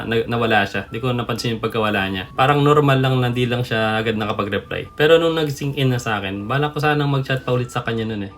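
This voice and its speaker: A man's voice: medium pitch, fairly bright tone. A man from the Philippines telling a personal story in a chatty, casual way, often calling the listener "boy".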